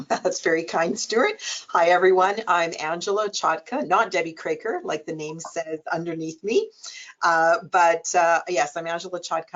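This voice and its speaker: Woman director welcoming people on a webinar, lowish voice, dull call sound. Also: a bit bright. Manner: friendly, hesitant with fillers. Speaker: program director. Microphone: video call.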